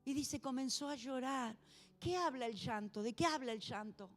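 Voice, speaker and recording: A woman pastor with a Rioplatense accent preaching a sermon, swinging between loud proclaiming and soft, low pleading. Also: moderate pace. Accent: Rioplatense Spanish. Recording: music under a long church reverb.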